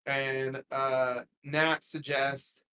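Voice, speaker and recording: A man co-hosting a casual podcast, recapping a TV episode with frequent laughs and lively quoted lines. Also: medium pitch, very slow. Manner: animated, laughs often, quotes characters in lively voices.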